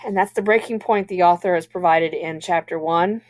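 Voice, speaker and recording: A woman teacher reading a novel aloud to a class at a measured, even pace. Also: fairly low pitch.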